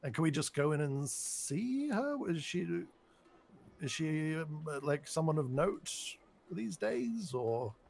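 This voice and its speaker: A polite, fussy adventurer in a tabletop game, voiced by a man. He talks hesitantly, restarting his sentences, in a fairly high, gravelly voice with plenty of vocal fry. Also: sing-song, slow, a little mellow, full character voice.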